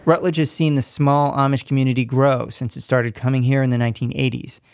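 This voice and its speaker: Gravelly male radio reporter. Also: medium pitch, flat delivery, a little mellow, dry recording. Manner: measured, descriptive storytelling. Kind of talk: scripted radio feature narration.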